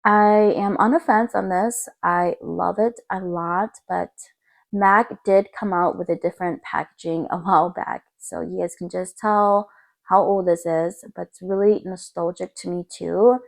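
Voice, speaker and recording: A woman's voice: lowish voice, fairly even intonation, unhurried, gravelly. A young woman beauty vlogger with her morning voice, chatting upbeat and casual as she sorts through her makeup at home. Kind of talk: casual makeup declutter vlog. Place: home room by a window in morning light.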